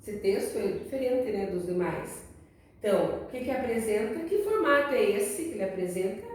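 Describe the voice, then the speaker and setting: A woman teaching a primary school class, explaining patiently and repeating words slowly so young children can follow. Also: a little high, darkish tone, far from the mic. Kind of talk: recorded remote class lesson. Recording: very echoey room, voice away from the mic.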